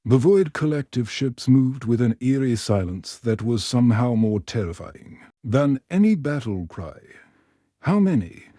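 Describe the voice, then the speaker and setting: A man narrates a science fiction story in a steady, even way. His tone is mellow and dark, mid-pitched. The recording is dry and close. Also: dry recording. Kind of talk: scripted narration.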